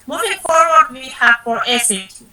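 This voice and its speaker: A woman's voice: sits high, expressive, moderate pace, sharp tone, low-quality recording. A woman mentor advising students in an online session, encouraging and repetitive, with many fillers and restarts.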